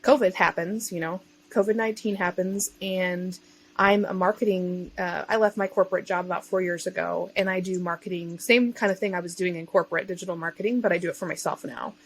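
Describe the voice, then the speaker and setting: Guesting on a podcast, a woman who works for herself in digital marketing and online bookselling recounts her own story. Her lowish voice keeps fairly even intonation and runs a little fast, and she chats informally, cutting in on herself.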